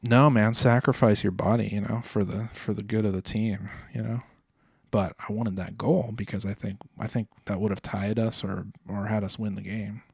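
Male co-host, 40s, laid-back and rambling, lower pitch, dry sound. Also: steady tone, normal speed, gravelly, a little mellow, breathy edge, no room sound. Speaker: podcast co-host. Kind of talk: casual chat.

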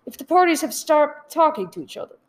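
A woman playing a polite, procedural chief telephone operator in a radio play, measured and a little hesitant. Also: sits high, sing-song, slight background noise. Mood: matter-of-fact.

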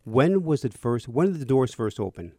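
Older male priest-host for a talk radio slot: dark, mellow tone, dry close sound, chatty and friendly. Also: mid-range voice, very animated, normal speed, breathy edge, no room sound. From Chicago area. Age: 60s. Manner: chatty, reminiscing.

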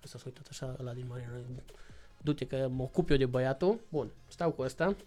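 A man's voice: mid-range voice, faint music behind. A man casually telling a long travel story, acting out other people's lines. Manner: lively storytelling, acts out voices in quotes. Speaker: podcast guest.

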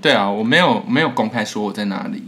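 A man's voice: lowish voice, fast talker, breathy edge. A young man co-hosting a podcast, chatting casually and telling stories with lots of laughter. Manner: animated storytelling, laughs often. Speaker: podcast co-host, singer-songwriter. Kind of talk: casual chat.

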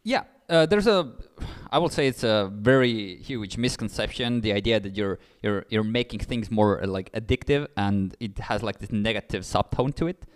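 A young Estonian startup founder, speaking English as an interview guest, eagerly explains his ideas with many fillers and restarts. His voice is lowish and clear with a resonant tone, moving at a moderate pace with hardly any pauses.

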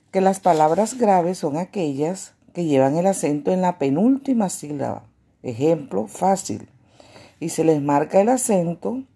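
A woman teacher giving a grammar lesson to children, explaining slowly and asking herself questions. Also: fairly low pitch, warm tone, husky. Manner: slow, deliberate explaining with rhetorical questions.

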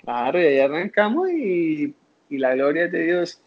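A young man with a Colombian accent, a guest in an interview, telling his life story in an animated way and acting out the voices of people he quotes. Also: a little high, normal speed, highs cut off.

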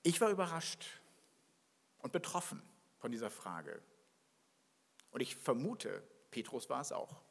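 A man's voice: mid-range voice, a little slow, gravelly, long pauses, husky. A man preaching a sermon as pastor, reading scripture and then acting out little dialogues as he tells his story. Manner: animated, acts out dialogue in his telling. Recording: long hall reverb.

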